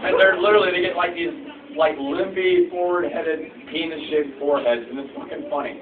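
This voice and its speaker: A man's voice: fairly high pitch, steady tone, brisk, roomy sound. A man telling crude, joking stories to a room full of people, swearing and laughing often. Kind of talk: crude comedic talk to a room. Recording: distant, tinny recording with loud crowd.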